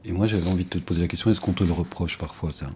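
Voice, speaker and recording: A man interviewing someone one-on-one, asking gentle, probing follow-up questions that recall their earlier talks. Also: low-pitched, steady tone, racing, a little hiss or hum.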